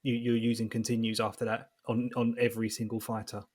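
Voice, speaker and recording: A man's voice: mid-range voice, monotone, fast, darkish tone, dry recording. A man in his thirties chatting casually as a podcast co-host, laughing often. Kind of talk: casual chat.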